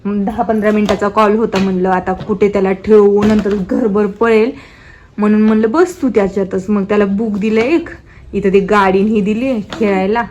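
A young woman chatting casually through a home vlog, talking softly and rambling about her day as a mother. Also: medium pitch, fairly even intonation, moderate pace, a little hiss or hum. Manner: chatty, soft-spoken, rambling asides. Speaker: vlogger and mother.

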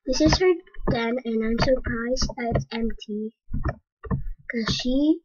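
A young female vlogger with a hoarse, husky voice that sits a little high. She talks slowly and haltingly, repeating herself in earnest. The recording sounds muffled and lo-fi. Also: a little mellow, dry recording. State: losing her voice, throat clearing. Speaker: gaming channel host. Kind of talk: casual game warning vlog.

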